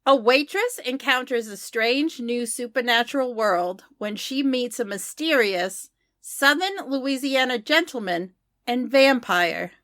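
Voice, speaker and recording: A woman's voice: a little high, lively intonation, unhurried, a bit bright. A woman co-hosting a podcast, reading trivia clues aloud and scoring the answers in a casual chat. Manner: reads clues aloud and scores answers, laughing often. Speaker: podcast co-host running a trivia game.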